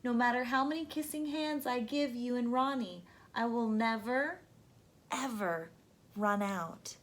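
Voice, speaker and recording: Woman as a tender, slow-spoken mother raccoon. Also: fairly high pitch, lightly acted. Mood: loving. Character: loving, gentle mother raccoon, reassuring her child.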